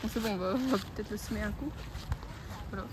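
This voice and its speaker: A woman's voice: mid-range voice, quick pace, background noise. A young woman chatting casually and teasingly in a travel vlog, giggling often. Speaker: vlogger.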